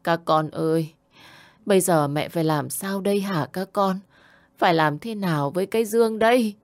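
A woman's voice: fairly low pitch, normal speed, no echo, natural voice. A woman voicing an anguished old grandmother who scolds and laments, raising her voice. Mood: lamenting. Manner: scolding, lamenting, loud and pleading.

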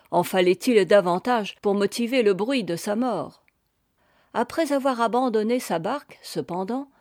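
Woman narrator for a classic tale; slow, deliberate, dark and mellow tone. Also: mid-range voice, no room sound, clean studio sound. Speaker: audiobook narrator. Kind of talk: scripted narration.

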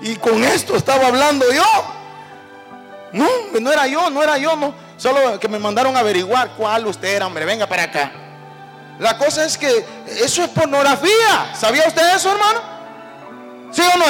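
A male pastor preaching a fervent sermon, swinging between loud calls and hushed asides. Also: very high-pitched, lively intonation, normal speed. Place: church. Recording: preacher with long church-hall reverb, faint music.

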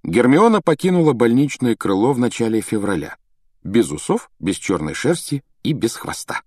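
A man's voice: mid-range voice, very animated, normal speed, darkish tone, husky, no echo, studio quality. A man reading a novel aloud as an audiobook narrator, telling the story steadily and expressively. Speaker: audiobook reader.

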